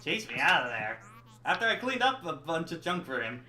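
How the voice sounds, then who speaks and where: A man's voice: a little high, very animated, fairly quick, pushed and bright, reverberant, exaggerated voice. A man voicing a stubborn young woman climbing a mountain, reading her lines in a blunt, exasperated way.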